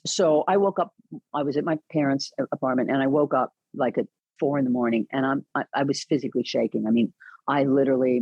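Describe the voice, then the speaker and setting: A woman guest on an interview podcast, telling a personal story in an earnest, animated way with many restarts. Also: a bass voice, dry recording, muffled recording. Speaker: podcast guest, caregiving advocate.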